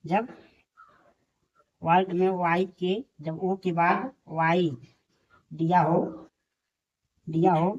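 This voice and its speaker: A woman's voice: lowish voice, flat delivery, very slow, long pauses, darkish tone. A woman teaching a lesson step by step, patient and repeating each point. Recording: dull lo-fi recording.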